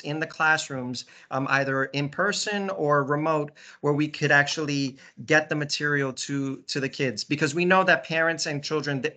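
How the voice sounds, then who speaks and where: Brooklyn guy, slightly higher voice, crisp and forceful, stumbling through a video-call pitch. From Brooklyn, New York. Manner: halting, restarts words often. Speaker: diocesan catechesis resource staff. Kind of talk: casual presentation in an online meeting.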